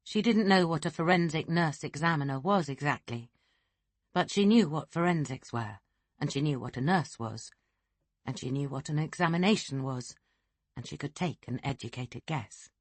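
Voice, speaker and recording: A woman narrating a thriller audiobook in a steady, unhurried way. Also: sits low, no room sound. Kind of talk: scripted narration.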